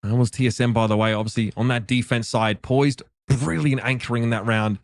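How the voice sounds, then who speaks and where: A man casting an esports match play by play, hyped and slangy, climbing to shouts on big plays. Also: mid-range voice, fairly even intonation, fairly quick, no room sound, clean studio sound. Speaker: esports caster.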